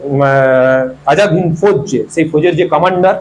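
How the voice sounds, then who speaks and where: High-voiced man teaching history. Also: moderate pace, a little hiss or hum, low-quality recording. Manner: asks questions and answers them himself, repeats key words. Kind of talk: informal history lesson to students.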